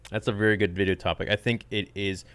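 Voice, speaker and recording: Guy, 20s, fitness host, very deep voice, laid-back live Q&A. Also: little pitch movement, fast talker, a bit bright, smooth. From Canada. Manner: casual, laid-back, reads viewer questions aloud then answers. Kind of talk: live-stream Q&A chat.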